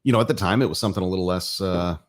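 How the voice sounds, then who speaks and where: A man co-hosting a relaxed chat about drinks. He has a very low voice and wanders through his thoughts with easy restarts. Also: racing. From Florida. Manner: easygoing, rambling, many restarts. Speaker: co-host. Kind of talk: casual chat.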